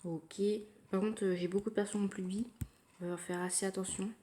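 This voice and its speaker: A woman giving casual commentary while playing a mobile game, thinking aloud in a quiet, low-key way, recorded through her phone. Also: flat delivery, brisk, a little hiss or hum. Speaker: mobile gamer narrating her play. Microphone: phone screen recording.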